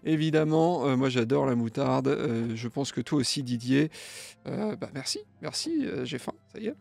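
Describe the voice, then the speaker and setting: A man's voice: mid-range voice, moderate pace, creaky. A young man hosting a music gear news show, chatting casually and jokily reading out viewer comments. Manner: lively, jokey, playfully sings comments.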